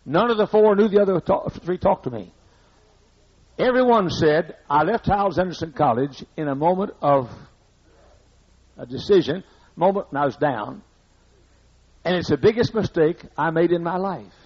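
A man's voice: fairly high pitch, animated, normal speed, long pauses, breathy edge. An older man preaching a sermon as pastor in a church, blunt and conversational, scolding the congregation with asides, on a muffled old recording. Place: church sanctuary.

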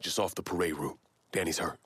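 An actor playing a tough young man on the run in a video game, speaking low and tersely. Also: fairly even intonation, fairly quick, a bit bright, husky. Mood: tense.

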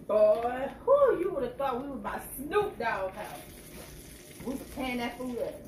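Lively Southern woman chatting off-mic. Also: fairly high pitch, unhurried. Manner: lively storyteller. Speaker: co-host, the cook's wife. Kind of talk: casual chat. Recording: roomy, distant, noisy kitchen with frying.

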